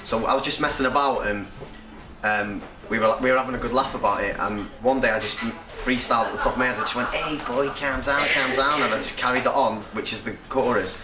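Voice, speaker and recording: Young Welsh rapper, echoey and distant. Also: male voice, mid-range voice, fast talker. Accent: North Wales. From North Wales. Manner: chatty, rambling, laughs often. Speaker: upcoming rapper. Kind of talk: casual interview answers. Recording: echoey room from a distance with crowd noise.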